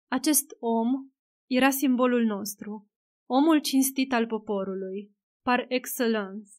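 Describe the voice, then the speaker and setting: A woman voicing a tired male politician who speaks quietly and carefully in an audiobook. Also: fairly high pitch, lightly acted. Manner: quiet, measured. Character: weary calm male politician.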